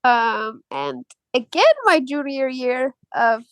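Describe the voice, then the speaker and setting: A young woman from Algeria, a podcast guest, talks in a casual, hesitant way with many fillers and soft laughs. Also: sits high, slow pace, no echo, low-quality recording. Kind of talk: casual interview chat.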